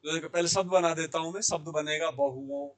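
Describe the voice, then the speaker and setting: A male Hindi teacher giving a grammar lesson, his voice sitting a bit higher than most men's. He keeps asking the class a question and then answering it himself, and he says each key word slowly, more than once. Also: steady tone, soft background music. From India. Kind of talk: classroom lesson explaining sandhi. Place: Jaipur language institute.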